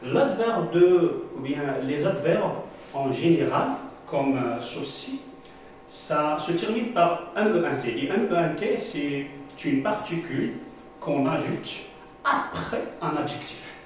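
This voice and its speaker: Slow, echoey man teaching a lesson. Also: on the high side, animated. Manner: slow, repeats and spells out words for pupils. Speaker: French teacher. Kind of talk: classroom lesson. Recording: echoey room, voice from a distance, faint hiss.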